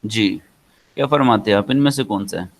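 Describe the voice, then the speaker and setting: A man's voice: on the low side, low-quality recording. A man with a Pakistani accent giving an online lecture, rambling with many fillers and slipping into English. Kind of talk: online lecture, casual explaining.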